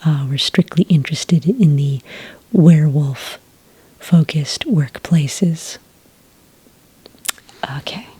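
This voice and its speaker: In a soft-spoken ASMR roleplay, a woman voices a friendly, patient licensing clerk for werewolf hunters, her low voice breathy, half-whispered, and exaggerated. She speaks slowly and gently with calm, official politeness, recorded close and dry with no echo.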